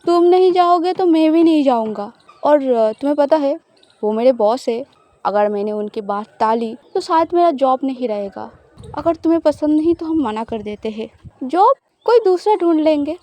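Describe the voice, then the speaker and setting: A woman's voice: sits high, animated, normal speed, warm tone, no echo. A woman voicing a teasing, possessive young woman lover in an audio love story.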